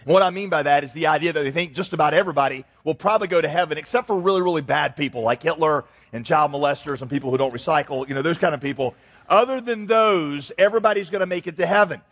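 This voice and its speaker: Pastor guy preaching, husky and kinda high voice, acts out little voices, big echoey hall. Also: quick pace. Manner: animated storytelling with acted-out voices. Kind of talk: sermon.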